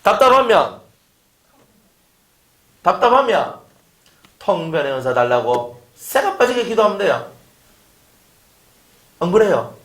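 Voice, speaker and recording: A man's voice: on the high side, sing-song, unhurried, long pauses. A man preaching a sermon, firing off rhetorical questions and acting out quotes. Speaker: pastor. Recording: echoey room.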